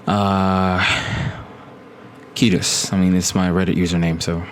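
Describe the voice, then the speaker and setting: Young man from Ethiopia, casual stream chat, lowish voice, faint background hum, drifts off the mic. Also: little pitch movement, measured pace. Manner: rambling, many fillers and restarts, laughs at own jokes. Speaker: live streamer. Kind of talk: casual live-stream storytelling.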